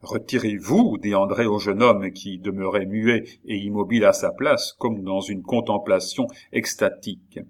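A man narrating an audiobook of a classic novel in a measured, literary manner. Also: fairly low pitch, steady tone.

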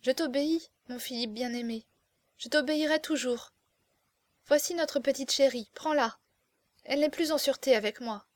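A woman's voice: high voice, normal speed, no echo, close to an everyday voice. A woman doing a trembling, tearful young noblewoman. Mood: tender pleading. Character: distraught young noble mother, pleading. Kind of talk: audiobook character voice.

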